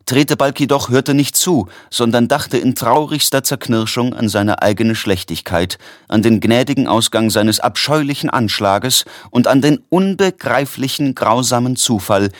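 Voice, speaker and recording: A man narrating a story in an expressive audiobook reading. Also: medium pitch, measured pace, hardly any pauses, no echo, studio quality.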